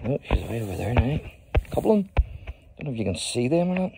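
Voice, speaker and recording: A man's voice: mid-range voice, big pitch swings, quick pace, gravelly, noisy background. A middle-aged man, chatting enthusiastically to viewers as he films a walking tour outdoors on his phone. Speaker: history trail guide. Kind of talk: casual walking tour vlog. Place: outdoors in a rural graveyard.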